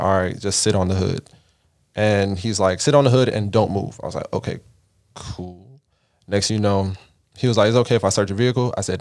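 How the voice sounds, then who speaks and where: Male podcast host from the Caribbean, low register, casual and profane storyteller. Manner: animated, profane, acts out quoted voices.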